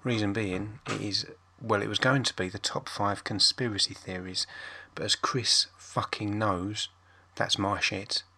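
Male podcast host, lowish forceful voice, deadpan and rambling casual intro. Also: measured pace, gravelly, hardly any pauses.

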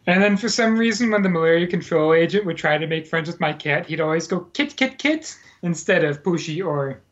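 Brisk and animated, a man with a fairly high voice describes his Peace Corps volunteer days in a relaxed podcast chat. His account meanders, full of fillers and self-corrections, captured in dull lo-fi sound.

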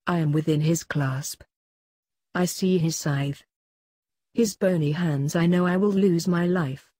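Woman playing Vivienne, a mellow-voiced doomed actress. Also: lowish voice, a little slow, no room sound, studio quality. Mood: fearful, mournful. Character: Vivienne, frightened actress facing her death. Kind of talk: dramatic verse audio reading.

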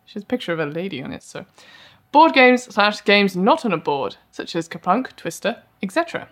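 A woman's voice: mid-range voice, very animated, a little fast. A woman co-hosting a podcast in casual chat, rambling with self-mocking asides. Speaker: podcast co-host. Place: live event venue.

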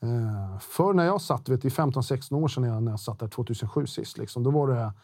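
A man's voice: medium pitch, animated, warm tone, dry recording, clean studio sound. A middle-aged man talking as a podcast guest, blunt and slangy, swearing freely and restarting often. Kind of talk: casual interview talk.

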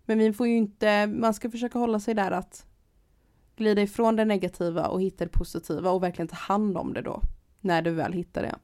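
A woman's voice: medium pitch, fairly even intonation, a little mellow, no room sound, studio quality. Chatty Swedish-speaking woman on a call. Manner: chatty, hesitant, many fillers and restarts. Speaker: podcast co-host. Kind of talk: casual chat. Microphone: remote call with a poor connection.

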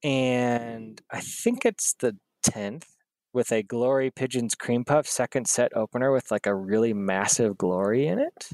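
A man's voice: mid-range voice, measured pace, darkish tone, no room sound. A man hosting a podcast in a rambling, casual chat full of fillers and laughs. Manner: rambling and chatty, many fillers, laughs often. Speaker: podcast host.

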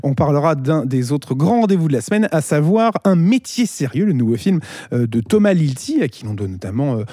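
A man's voice: on the high side, very animated, brisk, warm tone, no room sound, clean studio sound. A man hosting a casual film podcast, teasing his co-hosts playfully and leaning on lots of fillers. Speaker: podcast host.

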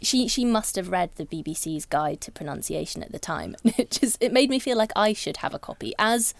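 A woman co-hosts a literary podcast in casual discussion. Some of her vowels are flat, and the sound around her is very dry. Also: lowish voice, brisk, vocal fry, no echo. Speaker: podcast co-host.

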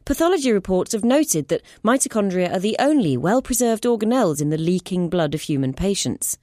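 A woman voicing a sharp, impatient woman scientist who explains in a brisk, lecturing way, read as an audiobook. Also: medium pitch, big pitch swings, no echo, studio quality, pitched above the performer's own voice, lightly acted. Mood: urgent lecturing. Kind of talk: audiobook reading.

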